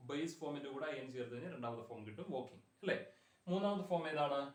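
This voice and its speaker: A man teaches grammar in Malayalam, patiently repeating word forms and continually checking the class keeps up. His voice is on the high side, animated and very fast, heard from a distant mic in an echoey room.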